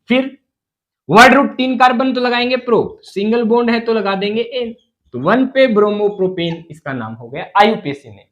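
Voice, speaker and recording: A man's voice: very high-pitched, rough recording. A man teaching chemistry as a lecture. He asks the class questions and then answers them himself, and he drops English terms into his explanations.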